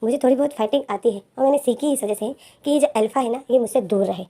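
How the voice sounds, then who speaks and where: A woman's voice: on the high side, fast talker, dark tone. A woman voicing a tough, blunt young male student who talks impatiently.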